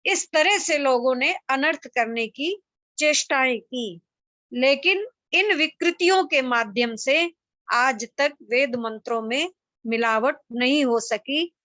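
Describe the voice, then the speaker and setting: A woman delivers a religious discourse, her voice high and bright. She explains slowly and deliberately, driving points home through repetition. The sound is dry and close. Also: no room sound, muffled recording. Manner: slow, emphatic explanation with repeated examples. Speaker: Vedic religious speaker.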